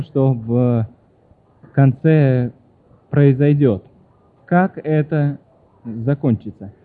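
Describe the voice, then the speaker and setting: A man preaching a sermon, reading questions aloud and answering them, often correcting himself and apologizing. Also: mid-range voice. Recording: tinny phone-like sound.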